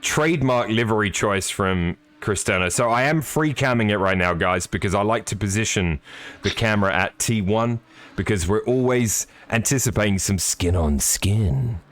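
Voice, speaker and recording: A man's voice: on the low side, moderate pace, fairly bright tone, no room sound. A man giving live, chatty sim racing commentary with jokey, apologetic asides.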